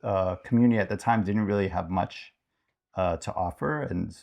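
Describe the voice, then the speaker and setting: A man appears on a podcast as an interviewed author and co-host, speaking casually and reflectively as he haltingly thinks aloud. His voice is deep and creaky with a darkish tone.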